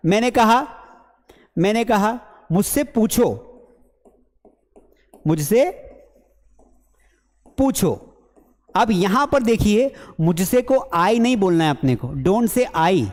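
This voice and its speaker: A man teaching a spoken English lesson for Hindi speakers, asking quick questions and answering them himself while urging viewers on. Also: high-pitched, darkish tone, big-room sound. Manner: urges viewers on.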